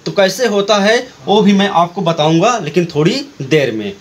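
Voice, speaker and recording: A high-pitched male teacher gives a grammar lesson to camera. He explains each rule patiently and step by step, going back over the key points and putting questions to the viewer as he goes. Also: very animated, normal speed. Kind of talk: Hindi-language grammar lecture.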